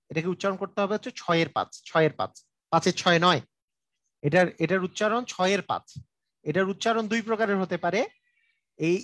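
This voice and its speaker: High-voiced male math tutor, live class, repetitive drilling delivery, dry close sound. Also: a bit bright, dry recording. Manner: repetitive, drilling explanations with frequent check-ins; colloquial, speaks directly to viewers. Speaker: math teacher. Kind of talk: live online math lesson.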